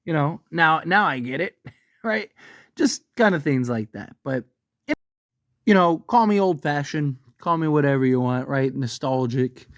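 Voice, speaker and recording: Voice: mid-range voice, animated, unhurried, dry recording. Rambling, emphatic film fan in a dry room. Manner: rambling, conversational, emphatic, often seeking agreement with tag questions. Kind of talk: casual opinion commentary on a horror film franchise.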